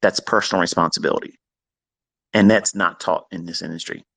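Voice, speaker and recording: Low-voiced male mentor, blunt and chiding, dry close sound, speaking over an online audio call. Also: steady tone, gravelly, fairly bright tone, breathy edge, dry recording. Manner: blunt, scolding, slows down for emphasis. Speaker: trading mentor hosting a live audio room. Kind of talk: lecturing monologue. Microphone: remote audio call.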